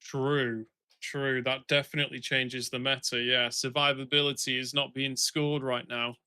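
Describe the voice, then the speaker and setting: A man co-hosting a game stream reads chat messages aloud and chats along in an easygoing way. His medium-pitched voice has a flat delivery at normal speed, with a bright, forceful, clean tone and no echo.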